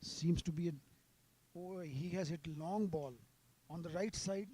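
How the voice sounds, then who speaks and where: Male golf commentator. High-pitched, very soft-edged mellow tone, sympathetic live calls. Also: unhurried, slightly rough. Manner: sympathetic toward players.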